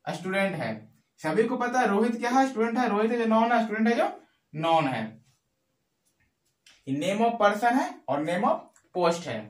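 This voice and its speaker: A man teaching English grammar in Hindi, repeating key phrases slowly and answering his own questions. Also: high-pitched, expressive. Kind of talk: classroom-style grammar lesson in Hindi. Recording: echoey room.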